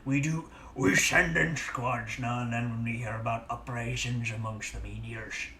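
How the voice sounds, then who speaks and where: A man voicing a self-righteous male station official in a put-on accent that keeps drifting toward a pirate voice, officious with hushed asides. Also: mid-range voice, steady tone, moderate pace, slight background noise.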